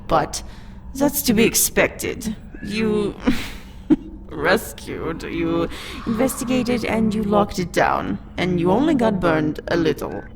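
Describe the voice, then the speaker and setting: A woman's voice: medium pitch, gravelly, noisy background. A woman playing an authoritative, theatrical and encouraging space admiral in an audio drama. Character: commanding but encouraging female space admiral, amused, reassuring.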